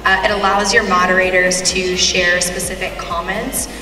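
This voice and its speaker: A woman's voice: on the low side, level tone, moderate pace. Woman panel host, explanatory delivery, distant table mic in a reverberant hall with music behind. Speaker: panel moderator. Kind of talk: presenting a conference panel. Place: large convention hall stage. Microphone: table mic, far from camera. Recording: echoey hall from far off.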